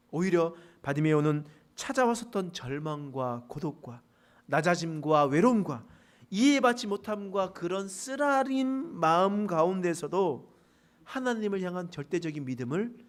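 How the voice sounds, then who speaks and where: A male pastor delivering a Sunday sermon in a church sanctuary. His voice sits high and swings widely in pitch as he preaches. He keeps turning to the congregation with rhetorical questions.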